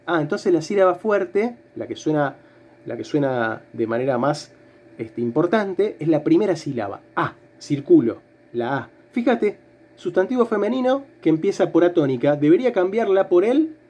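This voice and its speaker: A man's voice: a little high, sing-song, moderate pace, warm tone. A man, a language teacher giving a recorded remote lesson, explaining patiently step by step with fillers.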